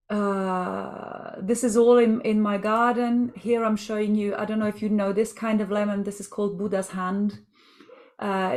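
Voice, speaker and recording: Woman from Switzerland, co-founder and presenter, lively and descriptive, call audio. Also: mid-range voice. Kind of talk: casual presentation on a video call.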